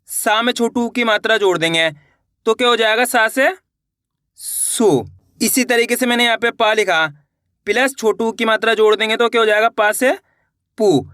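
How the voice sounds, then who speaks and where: Male teacher, Hindi accent from India, step-by-step lesson, bright, dry close sound. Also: extremely high pitch, no echo. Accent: Hindi-speaking India. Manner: repeats words, asks and answers own questions.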